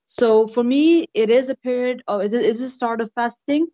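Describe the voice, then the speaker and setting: A woman's voice: on the high side, normal speed, warm tone, muffled recording. A woman originally from India, speaking as a podcast guest in a friendly, reflective way over a remote call. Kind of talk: casual podcast chat.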